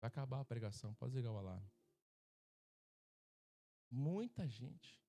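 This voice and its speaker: A man's voice: mid-range voice, lively intonation, unhurried, dark tone. A middle-aged Brazilian man preaching as a pastor at a church service, joking and acting out voices from his stories. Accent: Brazilian Portuguese. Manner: humorous, acts out quoted voices. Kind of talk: sermon.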